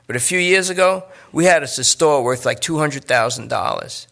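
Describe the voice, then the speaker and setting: A man voicing a jittery, talkative male junkie who rambles and pleads in fast bursts. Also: medium pitch, animated, creaky, fairly bright tone, voice pushed up. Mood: pleading.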